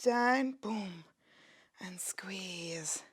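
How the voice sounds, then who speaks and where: A woman's voice: medium pitch, drawn-out words, slightly rough. Woman, young, fitness instructor; upbeat, chatty home workout coaching, works out while talking. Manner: upbeat, encouraging, chatty with jokes; exercising while talking, drops to a whisper at times. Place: her home, near a street window.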